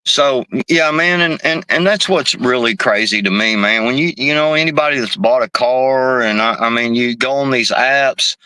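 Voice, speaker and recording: A man's voice: medium pitch, moderate pace, few pauses, sharp tone, clear, resonant tone, no echo. Profane man chatting on a live stream. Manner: loose and profane, says "man" and "bro" constantly. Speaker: livestream host reading chat. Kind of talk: casual live-stream chat.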